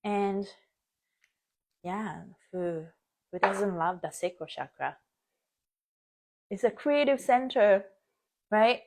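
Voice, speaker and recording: A woman's voice: medium pitch, slow pace, pauses often, noisy background. A woman born and raised in Japan, hosting a casual live stream, chatty with frequent laughs and many fillers. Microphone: phone or webcam, live stream.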